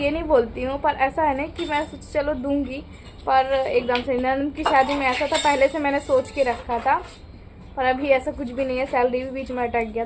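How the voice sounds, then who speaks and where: A young woman with a high voice talks through her day on a home vlog, chatty and confiding, often repeating herself. She is recorded on a phone at home, with clear background noise behind her. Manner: chatty and confiding, repeats herself, coos sing-song at a baby. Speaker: vlogger. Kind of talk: casual home vlog chat. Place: at home indoors.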